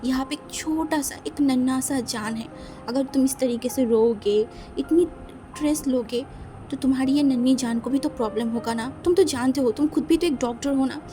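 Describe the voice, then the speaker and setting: Woman voicing a gentle mother, comforting, high, mellow, faint music. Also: moderate pace, close to an everyday voice. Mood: soothing. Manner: gentle, soothing. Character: caring middle-aged mother soothing her son.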